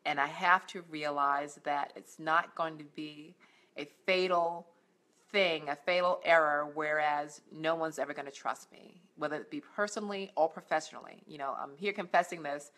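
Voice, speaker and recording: Earnest woman with a deep, bright voice. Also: steady tone, normal speed. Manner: earnest, encouraging, many fillers and restarts. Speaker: life coach. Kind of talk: faith-based motivational vlog. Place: indoors at home, on a couch.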